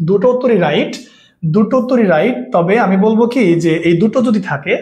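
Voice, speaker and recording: A man's voice: sits high, darkish tone, roomy sound. A man from Bangladesh, teaching an online English grammar lesson and asking his students the same question again and again to draw out answers.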